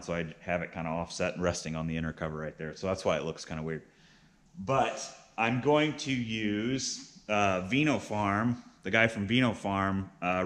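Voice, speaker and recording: The clip has clearly audible noise and background ambience. In it, a low-pitched, slightly bright male voice belongs to a beginner beekeeper in his thirties who hosts a casual how-to vlog, narrating in a plainspoken, explanatory manner.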